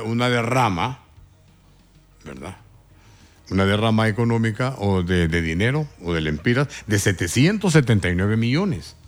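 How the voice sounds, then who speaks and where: A man hosting a morning radio talk show offers commentary with indignant emphasis and sudden jumps in pitch.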